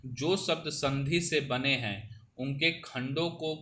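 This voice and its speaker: A man's voice: medium pitch, slow pace, fairly bright tone, a little hiss or hum. A man teaching grammar, explaining patiently step by step and often checking in with his students. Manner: explanatory, repeats "ठीक है ना" to check understanding. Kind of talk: Hindi grammar lesson over a screen.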